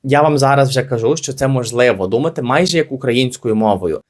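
A young man runs through a grammar lesson at a brisk clip. He explains patiently, repeats the key points and keeps reassuring beginners. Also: mid-range voice. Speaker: English teacher.

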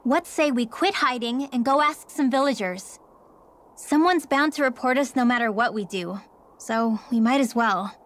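A woman's voice: a little high, normal speed, fairly bright tone, natural voice. A woman voicing an earnest, guarded young female mage in a video game.

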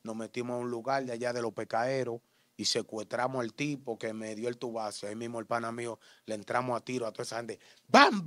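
Dominican man, street slang, tells it animated with shouts and bang sounds, mid voice, dry mic. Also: medium pitch, dry recording. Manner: animated, acts out shouts and gunshots. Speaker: interview guest giving testimony.

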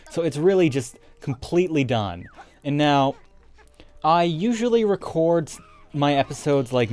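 A man's voice: mid-range voice, a little mellow, clean tone. A young man giving casual, rambling let's play commentary with frequent swearing, as a gaming YouTuber. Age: young adult. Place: indoor room with webcam setup. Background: game music.

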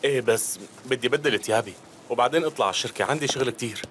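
A man's voice: mid-range voice, racing, fairly bright tone, slight background noise, natural voice. An actor playing a weary, irritated man in a dubbed TV drama. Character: weary, irritated man fed up with his partner.

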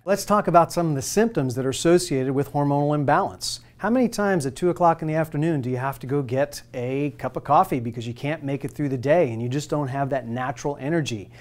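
A man's voice: on the high side, quick pace, hardly any pauses, a little mellow. Upbeat man presenting to camera. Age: 40s. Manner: upbeat, persuasive, asks the viewer direct questions. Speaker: hormone therapy presenter. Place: studio with plain light backdrop. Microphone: lapel mic.

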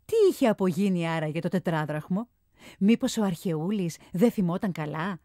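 A woman's voice: on the low side, dark tone, dry recording, clean studio sound, lightly acted. A woman doing a self-assured amused statesman. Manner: sure of himself, amused. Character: confident, amused older Athenian statesman.

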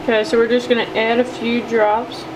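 Speaking a little fast and in a level tone, a woman with a higher voice gives a casual tutorial on making soft plastic fishing baits at her home workbench. She chats cheerfully with plenty of fillers over a noticeable AC hum.

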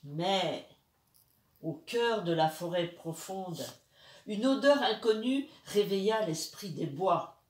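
A woman storyteller reading a bedtime story aloud to children, slow and expressive, with asides to her young listeners. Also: medium pitch. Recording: roomy, distant from the mic.

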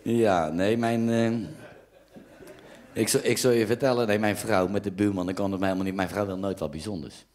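A man's voice: fairly low pitch, a little fast. A man with a Dutch accent telling jokes as a stand-up comedian, raising his voice whenever he quotes someone. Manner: lively storyteller who raises his voice for quoted lines. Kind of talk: joke telling.

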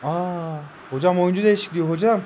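High-voiced and brisk, a man in his twenties from Turkey narrates his mobile football game live, with a faint hiss or hum on the recording. He gets excited, yells out player names, and talks to his viewers, though he holds back his volume since it's nighttime in his new home.

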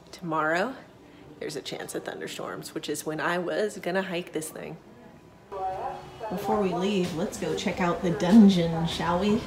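A woman in her thirties vlogging a mountain hike, talking to a phone held at arm's length, chatty and upbeat with wry asides. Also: fairly low pitch. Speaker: thru-hiker vlogger. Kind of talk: casual vlog narration. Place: outdoors on a windy mountain trail and summit. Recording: loud wind noise on the phone mic.

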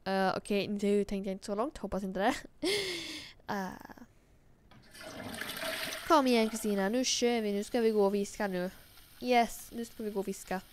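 A woman's voice: mid-range voice, steady tone, a little hiss or hum. A woman giving casual, chatty gameplay commentary, giggling and coaxing the character she controls. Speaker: let's play host.

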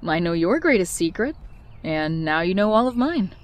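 Fairly low in pitch and very animated, a woman's voice moves at normal speed as she performs Mary Jane in a comic dub. Through narration and dialogue, the fiery but guarded young woman recounts her story in a heartfelt, confessional manner.

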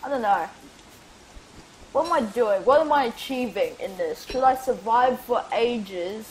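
A woman's voice: on the high side, expressive, measured pace, a little hiss or hum, rough recording. A woman hosting a casual let's-play, rambling and chatting to herself and to things in the game as she plays. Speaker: gaming channel host.

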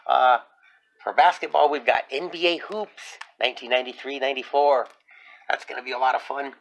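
A man's voice: mid-range voice, steady tone, fairly quick, creaky. A man hosting a sports card vlog from his desk at home, talking casually with lots of fillers. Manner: chatty, upbeat, many fillers. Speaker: sports card channel host. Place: home desk, then convention hall.

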